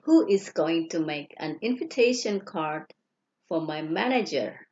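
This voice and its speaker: A woman teacher reads example sentences aloud at an unhurried, deliberate pace. The recording sounds dull and lo-fi. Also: deep voice, expressive, a little mellow. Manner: slow, careful reading, each English sentence followed by its Indonesian translation. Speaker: English teacher. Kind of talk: reading example sentences slowly.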